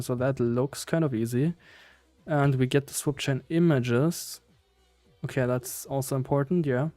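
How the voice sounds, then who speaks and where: Slow-paced man with a German accent. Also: medium pitch, a little mellow, no room sound. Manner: hesitant, thinking aloud in fragments. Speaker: live-streaming programmer. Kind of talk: casual live coding commentary.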